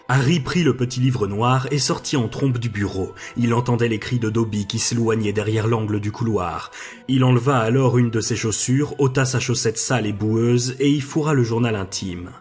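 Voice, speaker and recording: A man narrating a story aloud at a steady, measured pace. His voice sits at an ordinary middle pitch for a man, clear and even. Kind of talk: audiobook reading.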